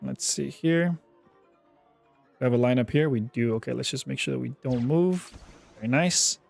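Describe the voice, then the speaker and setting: A young man giving casual, chatty commentary over his own gameplay, often repeating himself and getting excited. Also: mid-range voice, normal speed, gravelly, soft background music. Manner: chatty, self-talking, repeats words, excitable. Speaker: gaming YouTuber.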